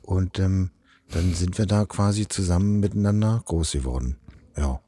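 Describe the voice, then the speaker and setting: A man with a very low voice tells his story in a relaxed, meandering way, full of fillers and restarts. He is from eastern Germany and works as a project manager. The sound is dry and close. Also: moderate pace, husky, no room sound. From East Germany. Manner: rambling, many fillers and restarts. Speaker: project manager in event lighting. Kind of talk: casual interview answers.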